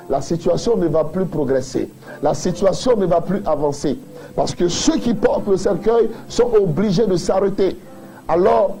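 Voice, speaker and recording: A pastor preaching a sermon, building emphatic repeated refrains and addressing the listener directly. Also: male voice, a little high, dark tone, rough recording.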